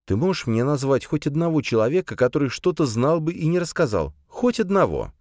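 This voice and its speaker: Audiobook figure: a man doing a level-headed woman, slow and calm, dry close sound. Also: on the high side, no echo, voice pushed up.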